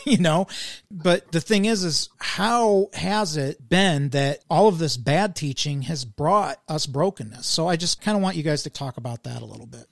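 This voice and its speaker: A man's voice: on the high side, no room sound, studio quality. A man hosting a podcast in casual chat, talking earnestly and with emphasis, laughing between points. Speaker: podcast host.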